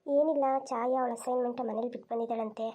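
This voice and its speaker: A woman's voice: fairly high pitch, steady tone, fast talker, dark tone, natural voice. A woman voicing a polite young college girl in a cartoon who asks a favour. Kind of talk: cartoon voice acting.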